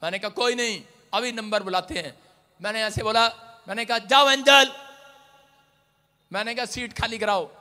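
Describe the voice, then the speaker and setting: A middle-aged man preaching a sermon, telling stories in turns hushed and loudly shouted. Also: sits high, fairly quick, big-room sound. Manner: animated, swings from hushed storytelling to loud shouted exclamations. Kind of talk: Hindi sermon with storytelling.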